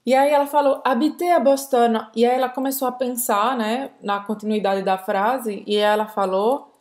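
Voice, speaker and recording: A woman with a Brazilian accent co-hosting a conversational French lesson, explaining grammar and slowly demonstrating pronunciation. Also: fairly high pitch, steady tone, a little mellow. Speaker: French teacher, co-host.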